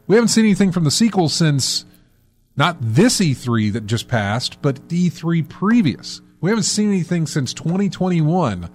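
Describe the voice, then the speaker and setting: A man's voice: a little high, big pitch swings, moderate pace, a little mellow, faint music behind. A man hosting a casual gaming podcast, rambling and correcting himself with lots of fillers. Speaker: podcast host.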